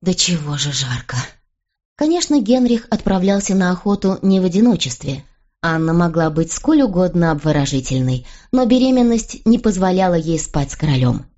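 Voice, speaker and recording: A woman with a lowish voice reads a historical novel aloud in a measured, expressive way. The recording sounds dull and lo-fi. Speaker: audiobook narrator. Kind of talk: scripted narration.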